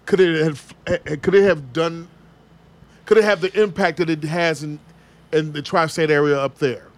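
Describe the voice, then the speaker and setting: A man's voice: fairly high pitch, fairly even intonation, normal speed. A man hosting a casual interview, asking long rambling questions and restarting them as he goes. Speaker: podcast host.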